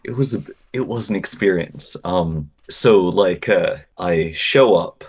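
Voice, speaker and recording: A man with a fairly low voice tells a humorous personal story in casual podcast conversation. He is wry and self-deprecating. His delivery is halting, with stammers and repeated phrases. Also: husky. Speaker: guest telling an anecdote.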